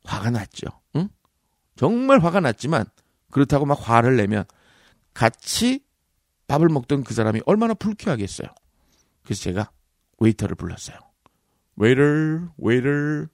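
A man hosts a comic speech-coaching podcast, teasing his listeners as he gives workplace advice. His pitch swings widely as he acts out little scenes. The close mic sounds dry, with no room around him. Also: huge pitch swings, moderate pace, pauses often, no echo. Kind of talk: comedic advice monologue.

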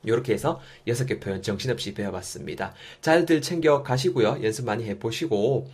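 A man teaching English phrases in an energetic spoken lesson, repeating example lines for learners to copy. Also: medium pitch, brisk, husky.

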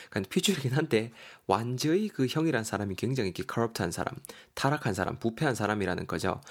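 Male lesson host, Gyeongsang accent, lower voice with a lively, swinging delivery. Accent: Gyeongsang Korean. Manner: animated, explanatory. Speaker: English teacher host. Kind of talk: podcast vocabulary lesson.

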